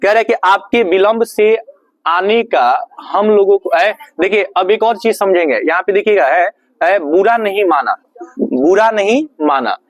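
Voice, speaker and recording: A man teaching an English class, putting questions to the students, answering them himself, and slowing right down on the English phrases. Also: sits high, no room sound. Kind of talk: classroom lesson.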